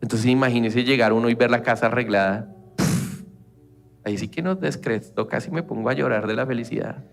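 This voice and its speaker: A man with a Colombian accent giving a lively, conversational sermon as a church leader, acting out everyday family exchanges. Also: mid-range voice, a little fast, gravelly, faint music behind.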